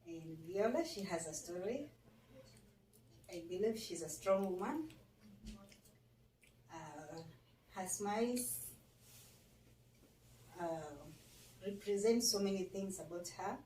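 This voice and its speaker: Soft-spoken woman, echoey room. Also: mid-range voice, animated, slow, pauses often. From Kenya, Nairobi. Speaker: channel host, interviewee. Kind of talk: casual personal storytelling. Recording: echoey room, mic at a distance, faint noise.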